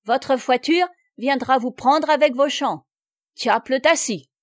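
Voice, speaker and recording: A woman's voice: high-pitched, slow pace. A woman voicing an old, wealthy male baron who speaks clumsy French with a put-on German accent. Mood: blunt. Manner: clumsy mangled French, blunt.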